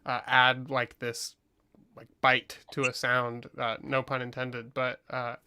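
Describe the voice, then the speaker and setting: A man hosting a livestream, asking guests questions in a relaxed, casual way with a lot of "like" in his speech. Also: mid-range voice, takes it slowly, smooth. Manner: relaxed, loose phrasing with frequent "like". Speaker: livestream host. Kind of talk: casual interview chat.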